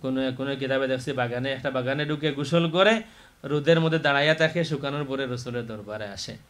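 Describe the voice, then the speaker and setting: A man preaching a sermon in a mosque. He is impassioned, rising to loud, high cries and then dropping low to tell a story. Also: fast. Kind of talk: Bengali waz sermon.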